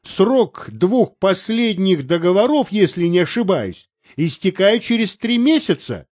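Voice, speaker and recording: Brief: man playing a tired male writer, calm and unyielding, fairly high, lively voice, dry close mic. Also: unhurried, dry recording, exaggerated voice. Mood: weary. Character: weary adult male writer, calm and stubborn. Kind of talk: audiobook character reading.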